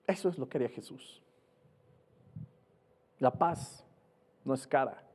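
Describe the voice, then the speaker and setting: A man's voice: mid-range voice, measured pace, darkish tone, long reverb tail. A man preaching a sermon, teaching earnestly and asking rhetorical questions.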